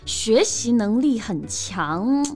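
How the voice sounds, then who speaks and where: Lively woman with a very animated pitch. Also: takes it slowly, faint music behind. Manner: lively, laughs easily, bright. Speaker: co-host of an English lesson podcast. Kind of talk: bilingual English teaching chat.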